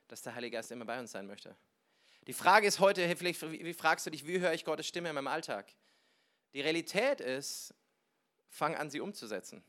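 A male pastor delivers a sermon with a slightly higher-pitched voice. He tells personal anecdotes in a lively, conversational way, acting out the people in his stories and sometimes breaking into loud bursts. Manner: lively storytelling, acting out dialogue with sudden loud outbursts.

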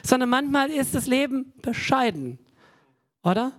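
A man preaching a sermon in an emphatic way, often turning to his listeners with quick asides. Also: very high-pitched, animated, fairly bright tone.

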